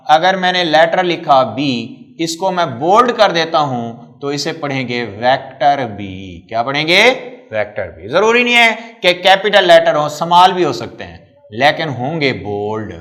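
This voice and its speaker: A man's voice: a little high, a bit bright. A middle-aged man teaching a physics class. He asks the class questions, answers them himself, and stretches out key terms. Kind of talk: classroom lecture.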